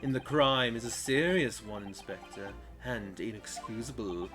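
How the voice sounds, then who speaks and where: A man voicing a stern older male judge in a courtroom video game, speaking formally and gravely. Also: medium pitch, normal speed, music in the background, close to an everyday voice.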